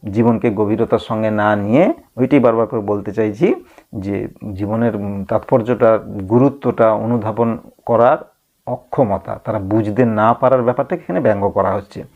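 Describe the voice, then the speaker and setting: A man's voice: medium pitch, darkish tone. A male teacher reading a play aloud and explaining it in a lesson, thinking aloud with many hums and restarts. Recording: tinny phone-like audio.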